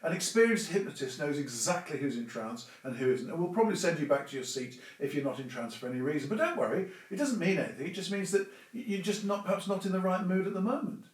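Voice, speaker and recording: A man with a fairly high voice gives practical advice like a presenter, informal and instructive, conversational yet emphatic. He's animated and fast, barely pausing as he explains things to camera or an audience. The room is echoey and the microphone distant.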